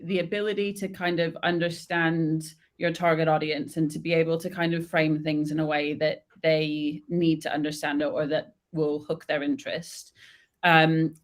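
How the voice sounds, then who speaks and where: A woman from Colorado, a guest on a podcast, chatting casually and telling lively stories. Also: low voice. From Colorado, United States. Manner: lively, expressive storyteller. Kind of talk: casual chat.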